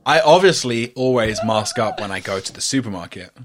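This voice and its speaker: A man's voice: fairly low pitch, lively intonation, a little fast, a little hiss or hum. A man co-hosting a podcast, chatting casually with dry, teasing humor. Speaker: podcast co-host.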